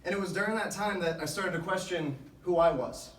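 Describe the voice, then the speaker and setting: Earnestly and deliberately, a slightly high-voiced man gives a motivational speech to a sports team, stressing the key phrases of his story. Captured by a faraway microphone in an echoey room, the sound is very roomy.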